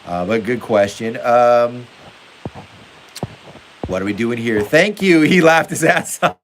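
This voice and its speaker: Speaking slowly in a mid-range voice, a young man hosts a casual basement livestream on his phone, reading out viewer comments in an upbeat, rambling manner full of filler words. There's a little hiss or hum.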